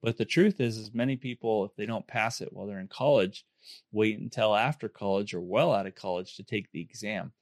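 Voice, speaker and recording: A man with a hoarse, under-the-weather voice, hosting a podcast in an informal, upbeat way. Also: fairly low pitch, a little fast, no room sound, clean studio sound. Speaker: podcast host. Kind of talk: casual podcast talk to listeners.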